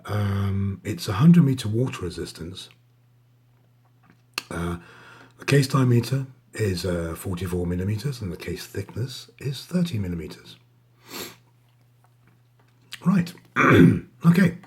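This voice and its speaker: A man giving a casual, hesitant watch show-and-tell, his voice husky, thick and strained from a sore, swollen throat. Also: on the low side, expressive, a little slow, long pauses, darkish tone. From Denmark. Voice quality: husky, raspy. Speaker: watch reviewer.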